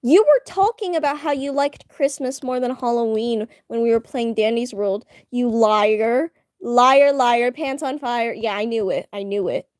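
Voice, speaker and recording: A woman's voice: on the high side, normal speed, hardly any pauses, warm tone, dry recording, studio quality. A young woman chatting casually with her live-stream viewers, rambling with lots of fillers and restarts.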